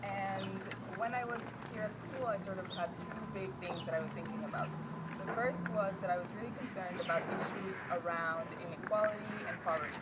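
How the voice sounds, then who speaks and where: A young woman from Mexico leading an informal conference workshop, soft-spoken and casual, with many filler words. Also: fairly low pitch. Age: young adult. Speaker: workshop speaker. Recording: noisy room with a far-off mic.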